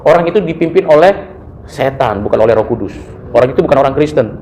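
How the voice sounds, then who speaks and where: A pastor in his late fifties preaching a sermon in a lively, colloquial way, with sudden jumps in pitch, then slowing and softening into a closing prayer. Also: slight background noise. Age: 50s.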